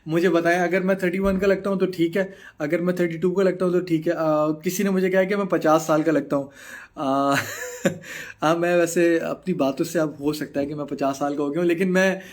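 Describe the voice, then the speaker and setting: A man's voice: fairly high pitch, fairly even intonation. A man in his thirties with a Pakistani Urdu accent, chatting casually on a live stream as he reads out and answers viewer comments, mixing English into his Urdu. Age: 30s. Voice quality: mixes English into Urdu, frequent filler pauses. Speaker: bodybuilder answering live chat.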